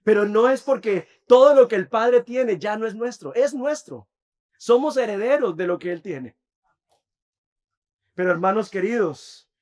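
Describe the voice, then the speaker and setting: A man preaching a sermon as pastor, earnest, often dropping to soft, intimate tones. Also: high-pitched.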